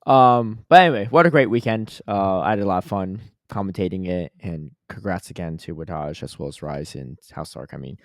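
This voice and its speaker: Upbeat male podcast co-host with a lowish voice, dry close mic, talkative and fond of long explanations. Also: a little fast, hardly any pauses, dry recording. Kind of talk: casual chat.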